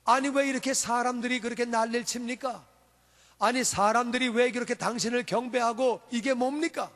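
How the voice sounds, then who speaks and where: A man's voice: very high voice, steady tone, fairly quick, fairly bright tone. A male pastor voicing an indignant Pharisee, firing off protesting, scolding questions. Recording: long church hall reverb.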